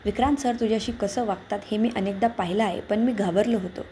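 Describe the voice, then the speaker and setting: A woman's voice: mid-range voice, steady tone, quick pace, dark tone, slight background noise, natural voice. A woman voicing a kind, earnest young male coworker in a spoken story.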